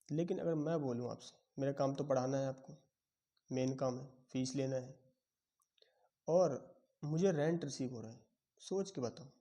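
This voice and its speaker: Male commerce teacher, young adult, mellow warm tone, quizzes the class and answers for them. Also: medium pitch. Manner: quizzing students, voicing their replies in Hinglish. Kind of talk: classroom lecture.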